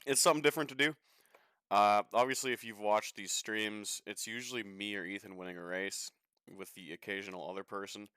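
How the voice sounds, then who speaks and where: A young man rambles through his sim racing stream in a loose, joking way, swearing without a second thought. His voice is on the low side but bright and forceful, and it comes through clean and crisp in a dry, close recording. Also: fairly even intonation, a little fast, dry recording. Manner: chatty, swears freely, offhand and joking. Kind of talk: casual live-stream commentary while racing.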